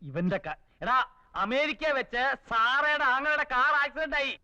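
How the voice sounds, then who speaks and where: A man's voice: very high voice, expressive, normal speed, bright, forceful tone, clear, resonant tone, muffled recording, exaggerated voice. An actor playing a stubborn family man who scolds his wife and bosses a friend on the phone, in a film drama. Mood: bossy. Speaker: head of the family, guardian of the children. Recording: film soundtrack with music under.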